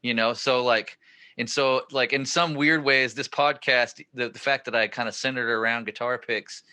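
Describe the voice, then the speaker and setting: Bright-voiced man telling a story. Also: mid-range voice, normal speed. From northern California. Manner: excited, rambling storyteller who gets louder at the punchlines. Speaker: podcast host. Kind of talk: casual storytelling chat.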